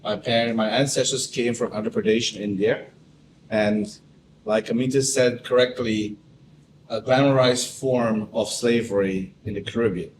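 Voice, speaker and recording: A man's voice: on the low side, normal speed. Trinidadian man telling his story in an echoey hall. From Trinidad and Tobago. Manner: storytelling, animated when recalling wonder. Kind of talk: personal talk to teachers. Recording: echoey room from far off, faint noise.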